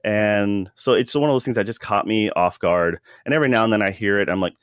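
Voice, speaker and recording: A podcast co-host reviewing a show talks casually in a hesitant, rambling way, often interrupting himself. His voice is lowish, a bit bright, and clean, moving fairly quickly, with studio-quality sound and no room echo.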